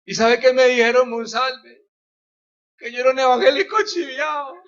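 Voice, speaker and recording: A man's voice: very high-pitched, fairly even intonation, moderate pace, fairly bright tone, dull audio. A man preaching a sermon as pastor, acting out the voices of people in his stories.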